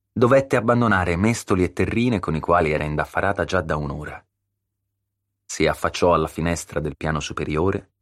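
A man narrating a novel as an audiobook, in a measured, steady storytelling manner, close to a studio mic. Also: sits low, dry recording. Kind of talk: scripted narration.

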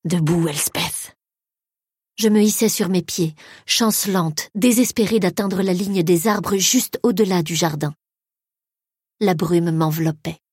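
A woman narrates a first-person story at an unhurried, measured pace. Her voice is husky, at a middle pitch. The recording is dry and close, with no room sound. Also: darkish tone, no room sound. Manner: slow, measured reading. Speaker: audiobook narrator.

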